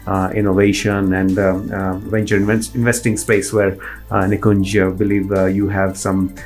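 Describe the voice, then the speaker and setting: A man hosting a podcast interview, speaking haltingly with many fillers. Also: deep voice, level tone, darkish tone, soft background music. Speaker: podcast host.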